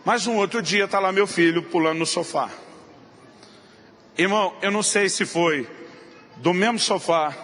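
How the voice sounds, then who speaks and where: A man preaching to a church congregation, telling a humorous family story in an animated way. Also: fairly high pitch. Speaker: pastor. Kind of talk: storytelling sermon. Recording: reverberant church hall, faint noise.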